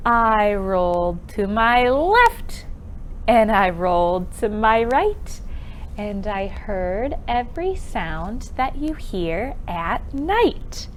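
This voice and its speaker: A woman with a mid-range voice hosts an interactive storytime for young children, complete with sing-along rhymes. She speaks in an exaggerated, expressive and encouraging way, asking questions and pausing for answers, with a slight hiss or hum in the recording.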